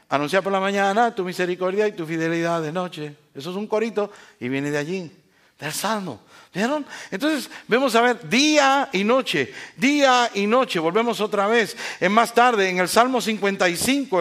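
A man preaches to his congregation in a fairly high voice. He swings from loud, lively bursts down to quiet, drawn-out reflection and drops in teasing jokes between verses. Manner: animated, joking with the congregation. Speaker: pastor. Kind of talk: sermon.

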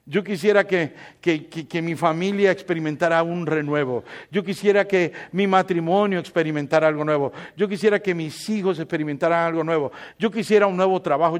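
A man preaching a sermon to a congregation, moving between hushed storytelling and loud, impassioned preaching, joking with the crowd. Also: sits high. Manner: jokes with the congregation. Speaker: pastor. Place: church before a congregation.

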